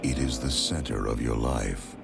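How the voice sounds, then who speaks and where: A man performing an ominous, grave movie trailer narration in a gravelly voice. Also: extremely low pitch, normal speed. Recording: loud scary music behind. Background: loud ominous music.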